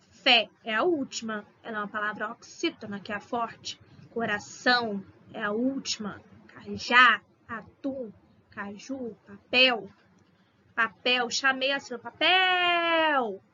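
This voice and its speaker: Woman teacher, Brazilian accent, high bright voice, stretched-out syllables, slightly dull lo-fi recording. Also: a little hiss or hum. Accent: Brazilian Portuguese. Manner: didactic, drawing out syllables and repeating example words. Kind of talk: recorded online Portuguese lesson.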